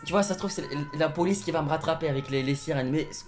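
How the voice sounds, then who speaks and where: A man's voice: a little high, fast. Opinionated young man, light music behind. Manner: opinionated, hedging with "je pense". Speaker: football channel co-host. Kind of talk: casual football chat.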